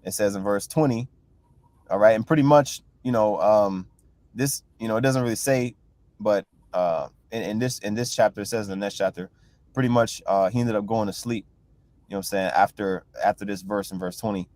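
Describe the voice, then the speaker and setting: Low-voiced man teaching scripture casually. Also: a little fast, a little mellow, no room sound. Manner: loose, conversational, full of "you know" and "right?" check-ins; reads verses aloud, then retells them in slang. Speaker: bible class teacher.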